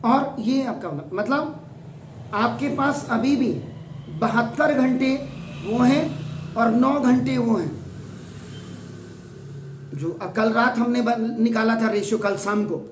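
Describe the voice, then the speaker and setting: A man teaches maths to a class, stretching important words and switching between Hindi and English as he works through problems. His voice sits at a middling pitch and comes from some distance. The classroom rings around him, and a faint hiss runs underneath. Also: slow, long pauses. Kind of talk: classroom lecture. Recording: echoey room, voice off-mic, faint noise.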